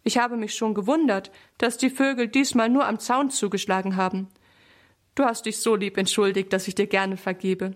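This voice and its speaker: A woman's voice: medium pitch, fairly even intonation, moderate pace, lightly acted. A woman voicing a stately, talkative neighbor lady in a children's story, chatting in a gossipy way. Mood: chatty.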